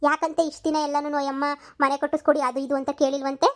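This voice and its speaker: Woman doing a fussy high village mother. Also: little pitch movement, lightly acted. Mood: gossiping. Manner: quick, anxious, pleading. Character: fussing village mother and wife. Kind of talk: cartoon comedy dub.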